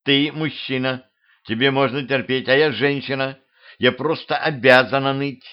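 A man's voice: medium pitch, steady tone, moderate pace, clear, resonant tone, voice pushed up, lightly acted. A man voicing a young female vampire who whines and complains about hunger, in a self-made audiobook. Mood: whiny. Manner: whiny, petulant. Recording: dull lo-fi home recording.

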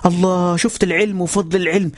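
A man's voice: high voice, flat delivery, fast talker. A man with an Egyptian Arabic accent giving a religious lesson. He speaks emphatically, repeats phrases and keeps telling listeners to pay attention. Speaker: Islamic teacher. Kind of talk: religious lesson on a voice chat app.

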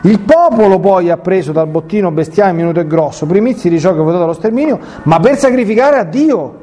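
A defensive, excuse-making ancient king, read aloud by a man rushes his protests. The voice sits fairly high with a soft, mellow tone. It is a plain bible reading with only light acting. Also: lively intonation, soft background music.

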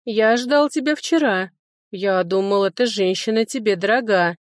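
A woman voicing a sly male high lord and mage who answers in a mocking, evasive way. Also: normal speed, dry recording, clean studio sound, close to an everyday voice. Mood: defensive.

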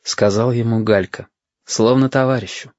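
A man reading audiobook narration in a measured storytelling manner. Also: mid-range voice, fairly even intonation, a little mellow, dry recording. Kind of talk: scripted narration. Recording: dull, dry audiobook recording.

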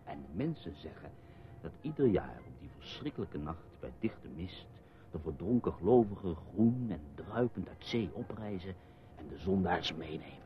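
Playing an evasive, teasing reporter husband in a radio drama, a man uses his deep voice in a very animated way at a moderate pace. His manner is wry and placating, the mood teasing and story-driven. Sound quality is dull and muffled, typical of a radio play recording.

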